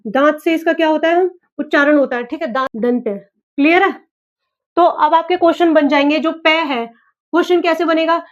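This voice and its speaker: A woman teaching an exam-prep class, asking a question, answering it herself and repeating it back. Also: sits high. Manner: repetitive, drilling, asks and answers own questions.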